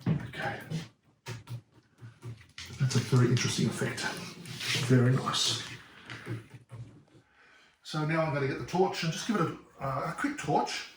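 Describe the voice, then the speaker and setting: A man with an Australian accent talking through a hands-on how-to demonstration, describing each step in a relaxed way as he works. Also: a little high, moderate pace, pauses often, roomy sound, a little hiss or hum. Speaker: DIY demonstrator.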